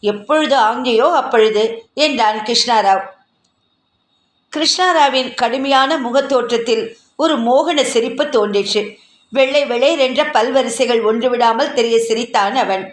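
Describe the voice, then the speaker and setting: A woman reading a novel aloud as a storyteller, steady and expressive, in an echoey room. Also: a little high, normal speed.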